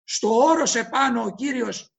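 A male preacher delivers an impassioned sermon, acting out the voices he quotes. His voice sits unusually high for a man, with a gravelly, fry-laden edge.

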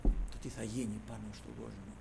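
A man preaching a sermon, addressing listeners as brothers and retelling scripture in lofty old phrasing, swinging from loud cries to hushed asides. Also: lowish voice, flat delivery, vocal fry, heavy background noise.

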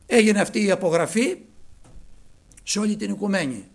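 Fervent preacher with a gravelly voice. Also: male voice, high-pitched. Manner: impassioned, swinging from hushed to loud. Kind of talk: sermon to a congregation.

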